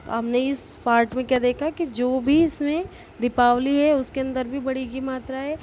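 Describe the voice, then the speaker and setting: A woman's voice: high-pitched, fairly even intonation, normal speed, a little mellow. A woman schoolteacher giving a recorded lesson to young children, patiently spelling out words sound by sound. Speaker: school teacher. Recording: dull lo-fi recording with faint noise.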